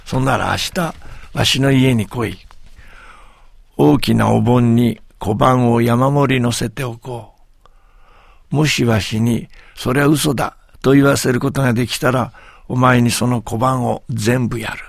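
A proud village master and martial artist barking old-fashioned orders in a husky, gravelly voice, as a storyteller puts him on. Folktale telling, dry and close. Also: male voice, medium pitch, steady tone, measured pace, no room sound. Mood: commanding. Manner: commanding, old-fashioned speech.

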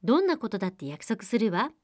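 A woman's voice: medium pitch, very animated, fast talker, darkish tone, no room sound, clean studio sound. A woman voicing a spoiled young princess who talks haughtily and dismissively. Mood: haughty.

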